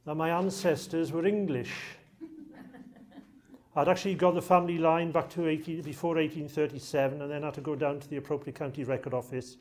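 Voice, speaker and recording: An archive lecturer from South Wales, speaking with a Welsh accent, gives a jokey, chatty public talk to a live audience in a lecture room. His voice sits a little high.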